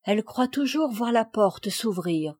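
A woman's voice: a little high, expressive, measured pace, darkish tone, no echo, clean studio sound. Woman narrating a children's classic. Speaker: audiobook reader. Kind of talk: scripted narration.

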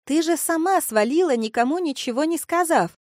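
A woman doing a shrill, gushing young woman. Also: sing-song, normal speed, darkish tone, no room sound, studio quality. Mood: indignant. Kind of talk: audiobook character voice.

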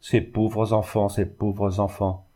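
A man's voice: lowish voice, unhurried, dark tone. A man reading aloud and voicing a tender, tearful old village schoolmaster who pleads in broken phrases and then forces cheer into his voice. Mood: sobbing.

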